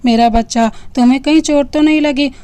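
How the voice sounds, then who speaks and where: A woman's voice: sits high, steady tone, a little fast, no echo, close to an everyday voice. A woman voicing a fierce, feared young hero. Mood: tender. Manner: pained and angry, then gentle. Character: feared young man, fierce but tender with his love.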